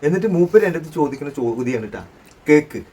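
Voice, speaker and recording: A man's voice: on the high side, lively intonation, very fast, dark tone, slightly rough, distant mic. A middle-aged man playing the joking father in a family comedy skit, scolding and teasing and repeating himself.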